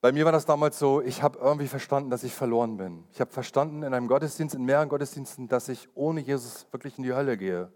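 An earnest male pastor preaching to his congregation at a pitch typical for a man. He hammers his points home by repeating key phrases, and he leans into personal testimony with urgency. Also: quick pace, few pauses, darkish tone. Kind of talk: sermon.

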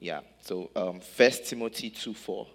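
A man from Nigeria preaching a sermon in English in short phrases, pausing so an interpreter can translate. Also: lowish voice. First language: not German.

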